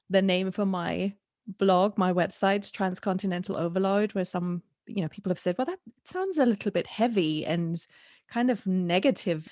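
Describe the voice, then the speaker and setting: A woman's voice: medium pitch, dry recording. Female podcast host, eager and chatty, dry close sound, faint music underneath. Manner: enthusiastic, laughs often, restarts phrases. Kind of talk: podcast interview.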